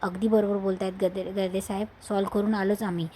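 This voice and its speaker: A woman voicing a cheeky, smooth-talking young man who keeps coaxing and teasing. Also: mid-range voice, level tone, fast talker, dark tone, slight background noise, natural voice. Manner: coaxing, playful, keeps saying madam.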